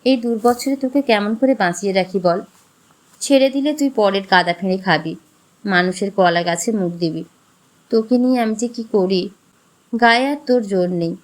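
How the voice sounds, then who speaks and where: A woman voicing a poor, gentle old male farmer who speaks softly and tenderly. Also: medium pitch, natural voice. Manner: soft, tender, pleading.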